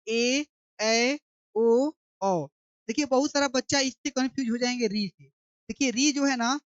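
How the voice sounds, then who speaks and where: A woman's voice: fairly high pitch, no room sound, muffled recording. A woman teaching an online grammar class, asking questions and answering them herself, stretching out the vowel sounds as she chants them.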